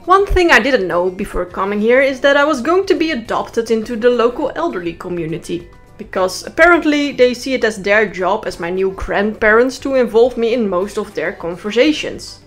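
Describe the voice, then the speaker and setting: A young woman with a fairly high voice tells comic stories with dry, sarcastic asides. She talks in a loose monologue while soft music plays in the background. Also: expressive, normal speed. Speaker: comedic storyteller. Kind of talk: comedic storytime monologue. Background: faint music.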